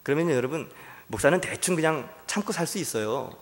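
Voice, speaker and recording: A man's voice: fairly high pitch, animated, fairly quick. A male pastor giving a Wednesday sermon, telling a story with frequent rhetorical questions to the congregation. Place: church sanctuary. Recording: long church-hall reverb.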